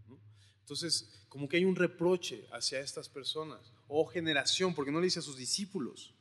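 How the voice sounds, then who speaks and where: A man preaching a relaxed, conversational sermon, full of informal asides and questioning tags. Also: on the high side, long reverb tail. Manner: informal, questioning asides, retells scripture in voices.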